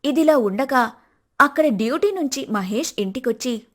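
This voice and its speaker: A woman tells an animated family story in steady, scripted narration. Her voice sits fairly high. She explains each turn of events evenly. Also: normal speed.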